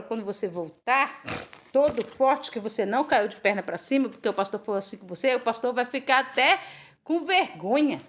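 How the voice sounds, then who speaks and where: A woman voicing God as a gentle shepherd, with a soft, hushed and tender Brazilian Portuguese delivery. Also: high-pitched, pitched above the performer's own voice. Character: gentle, reassuring divine voice, male shepherd.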